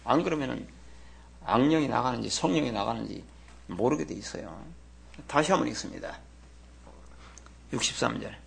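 A man's voice: medium pitch, expressive, moderate pace, vocal fry, pauses often. A man preaching a sermon, leading the congregation in reading along, asking rhetorical questions and pressing hard on key words. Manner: emphatic, rising to loud stress; has the congregation read along. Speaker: pastor.

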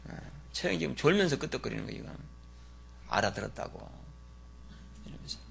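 A man preaching a sermon as pastor, folksy and teasing, swinging from loud exclamations to muttered asides. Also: medium pitch, sing-song, fairly quick, gravelly, a little hiss or hum.

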